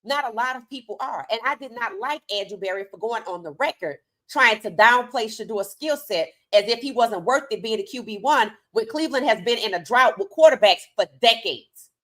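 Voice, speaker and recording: A woman's voice: on the high side, lively intonation, moderate pace, hardly any pauses, a bit bright. A woman delivering opinionated sports commentary straight to her audience, emphatic, with rhetorical questions and repeated phrases.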